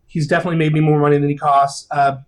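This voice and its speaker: A man in his thirties, a video game composer, talking casually in an interview, rambling and excitable with lots of fillers and restarts. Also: fairly high pitch, very fast.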